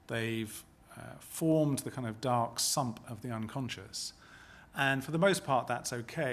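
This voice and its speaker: Man, philosopher type, calm lecturing delivery, mid-pitched voice. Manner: measured, lecturing, builds arguments step by step. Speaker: philosopher being interviewed. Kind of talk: explanatory talk to camera.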